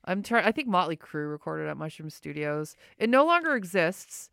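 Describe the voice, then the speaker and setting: A middle-aged woman hosts a radio show in a casual, unscripted way, her words wandering informally. Her voice sits a little low and is smooth, though slightly muffled by the face mask she talks through. The studio sound is dry and close. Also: big pitch swings, normal speed, fairly bright tone, no echo. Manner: rambling, informal.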